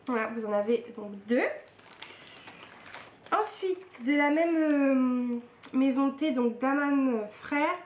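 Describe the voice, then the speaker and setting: A woman's voice: sits high, takes it slowly, long pauses. A young woman chatting casually through an unboxing, hesitant and full of fillers. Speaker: book and tea vlogger. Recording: echoey room with faint hiss.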